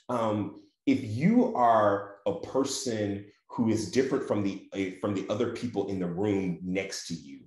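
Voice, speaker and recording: A man with a Mississippi Southern accent talking conversationally as a panel guest, often checking his points with "right?". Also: lowish voice. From Mississippi, USA. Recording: roomy, echoey sound.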